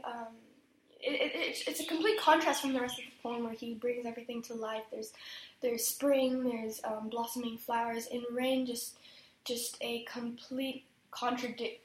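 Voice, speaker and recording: A woman student answering exam questions about a poem, hesitant, with frequent restarts and fillers. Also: on the high side. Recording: echoey room.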